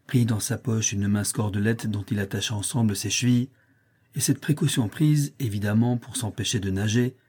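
A male audiobook narrator reads a short story in a measured, expressive way. His tone is dark and mellow, with a husky edge to the voice. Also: mid-range voice. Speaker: audiobook reader.

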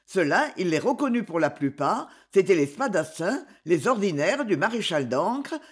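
A narrator reading a swashbuckling adventure novel aloud in a dramatic, expressive storytelling manner. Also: medium pitch, normal speed, breathy edge.

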